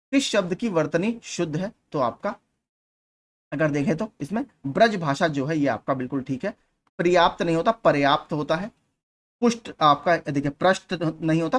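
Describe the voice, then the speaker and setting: A man's voice: a little high, a bit bright. A man teaching exam preparation, going through spelling questions one at a time and patiently repeating the key points.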